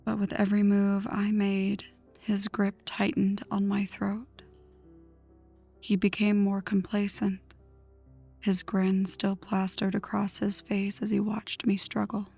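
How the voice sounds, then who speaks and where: A woman acts a newly turned vampire woman in a first-person ASMR story, narrating as an audio roleplay performer with background music beneath her voice. Her medium-pitched voice is completely flat, hushed and breathy, and her slow, dramatic delivery carries a tense, vengeful, seething mood.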